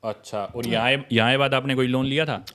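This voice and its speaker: A man's voice: mid-range voice, fairly even intonation, brisk, a bit bright. A man hosting a casual interview podcast, asking questions and recapping answers for listeners. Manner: frequent short acknowledgements, recaps for the audience. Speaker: podcast host.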